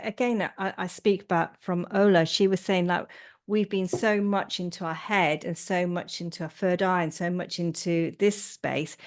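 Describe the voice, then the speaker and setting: Middle-aged woman from england, host, lowish voice, enthusiastic, rambling. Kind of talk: casual chat.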